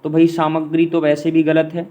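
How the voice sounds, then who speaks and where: A man's voice: fairly high pitch, monotone, moderate pace, warm tone, dull audio. A man teaching spelling for exams, going through answers and repeating each key point as a question he answers himself. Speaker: exam-prep Hindi teacher. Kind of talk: classroom-style explanation of quiz answers.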